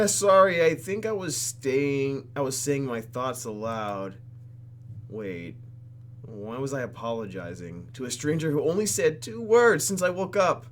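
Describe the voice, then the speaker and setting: A YouTube gamer doing a let's play reads visual novel text aloud and reacts in a theatrical, exaggerated way. His mid-range voice is sing-song and a little slow.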